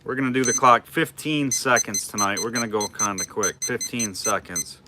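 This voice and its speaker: A man hosting a live online auction, chatting casually with viewers between quick bid calls. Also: fairly low pitch, noisy background. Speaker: livestream auctioneer.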